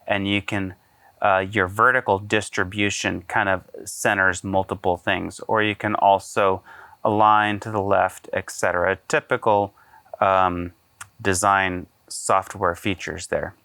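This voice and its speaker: A man giving a casual step-by-step software tutorial, talking through each click with frequent ums and uhs. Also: low voice, flat delivery, a little slow, vocal fry, no room sound. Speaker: AV integrator demonstrating software. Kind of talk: screen-recorded software tutorial.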